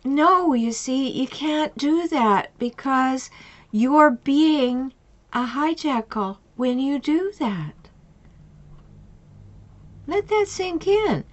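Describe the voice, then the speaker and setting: A woman's voice: sits high, lively intonation, extremely slow, long pauses, dull audio. A middle-aged woman coach giving advice in an earnest, emphatic way, repeating questions for effect. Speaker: relationship coach. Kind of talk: advice talk with retold conversations.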